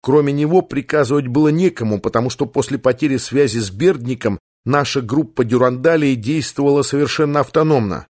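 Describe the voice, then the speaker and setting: Measured male audiobook narrator. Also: medium pitch, a little mellow, no room sound, studio quality. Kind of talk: scripted first-person narration.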